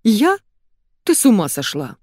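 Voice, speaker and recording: A woman's voice: mid-range voice, wildly swooping pitch, a little slow, darkish tone, no room sound, studio quality, pitched above the performer's own voice. A woman reading an audiobook, voicing a plump, self-pitying married woman who whines and complains. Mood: startled. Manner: whining, plaintive.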